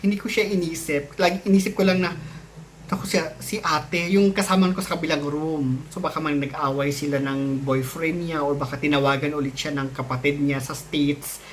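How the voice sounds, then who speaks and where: A man's voice: on the high side, level tone, normal speed, slight background noise. A man casually telling his own ghost story to his channel in a chatty, meandering way, with many restarts and sudden rises in his voice at the tense parts. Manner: chatty, mixes Tagalog and English, many restarts and fillers.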